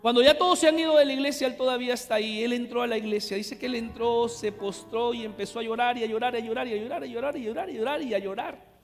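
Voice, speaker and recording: A man with a Honduran accent preaching a sermon, telling a story and swinging from hushed lines to loud exclamations. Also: extremely high pitch, rapid-fire. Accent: Honduran Spanish. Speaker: pastor. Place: large church hall. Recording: live church hall reverb with music.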